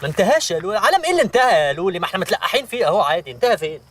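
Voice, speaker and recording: Rapid-fire mocking Egyptian hustler. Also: male voice, sits high, very animated, a bit bright, distant mic, heavily acted. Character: fast-talking boastful male hustler driver. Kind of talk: comedy series acting.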